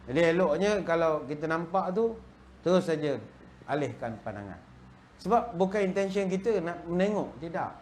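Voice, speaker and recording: A middle-aged Malaysian man with a Malaysian Malay accent, giving a humorous religious lecture in a jokey, animated storytelling way. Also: fairly high pitch, moderate pace, a little hiss or hum. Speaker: religious teacher.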